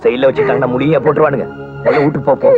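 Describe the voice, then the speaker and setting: A man's voice: mid-range voice, steady tone, rapid-fire, lightly acted. Man playing a proud, defiant villager. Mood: stern. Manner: gruff, defiant, protective. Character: proud stubborn village man defending his honor. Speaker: jailed village husband. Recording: dull old film soundtrack with music.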